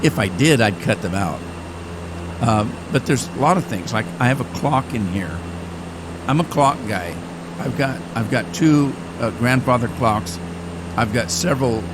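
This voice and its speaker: Over the drone of a flight simulator engine, an older gaming channel host chats loosely while he plays, stopping and starting his sentences. He remarks that his voice now cracks more and sits lower than it used to.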